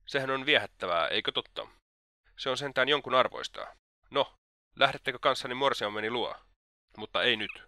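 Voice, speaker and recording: A man's voice: medium pitch, bright, forceful tone, no room sound, clean studio sound, pitched above the performer's own voice. A man voicing Svidrigailov, a sly, mocking old libertine who is slightly drunk.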